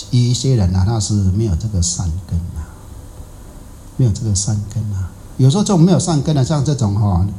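A middle-aged man speaks as a Buddhist monk, telling stories in a loose, conversational dharma talk. He keeps asking his listeners questions and repeats himself often. His voice is dark and mellow, and a faint hiss sits in the background. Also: fairly low pitch, poor audio. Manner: chatty, rhetorical questions, many fillers and repeats. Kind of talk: colloquial dharma talk with anecdote.

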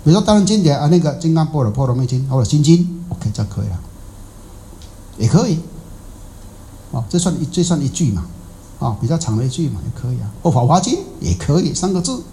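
A middle-aged man speaks as a Buddhist monk, telling stories in a loose, conversational dharma talk. He keeps asking his listeners questions and repeats himself often. His voice is dark and mellow, and a faint hiss sits in the background. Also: fairly high pitch, big pitch swings, fast talker, rough recording. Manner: chatty, rhetorical questions, many fillers and repeats. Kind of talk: colloquial dharma talk with anecdote.

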